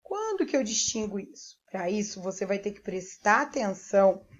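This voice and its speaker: A woman's voice: mid-range voice, sing-song, moderate pace. A Brazilian woman teacher giving a primary school lesson, patiently spelling out sounds and syllables one by one. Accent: Brazilian Portuguese. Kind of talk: remote classroom lesson. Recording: dull lo-fi recording.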